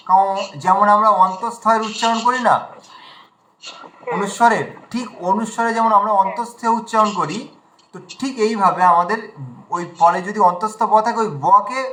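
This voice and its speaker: A man teaching recitation in an online class, patiently drawing out words very slowly to demonstrate and often checking that students follow. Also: sits high, a bit bright, echoey room, poor audio. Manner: often checks understanding with a question. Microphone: video call.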